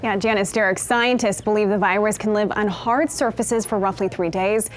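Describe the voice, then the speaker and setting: A woman's voice: mid-range voice, fairly even intonation, moderate pace, soft background music. An American woman working as a television reporter, delivering scripted news narration.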